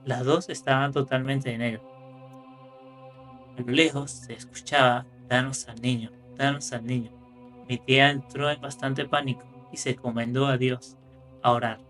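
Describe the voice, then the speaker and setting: A man reading horror stories aloud in calm scripted narration, rising for the tense moments. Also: medium pitch, normal speed. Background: faint music.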